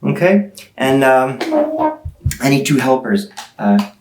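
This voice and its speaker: A woman's voice: extremely low pitch, very animated, takes it slowly, over music. A woman performing as a kids party magician, playfully teasing and coaxing children with questions in show patter. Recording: roomy, echoing sound.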